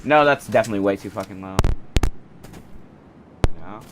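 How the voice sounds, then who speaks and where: A man's voice: fairly low pitch, moderate pace, noisy background. A young man casually telling a personal story, rambling, swearing and restarting his sentences on a cheap home microphone. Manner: rambling, profane, self-interrupting. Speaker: storyteller vlogger.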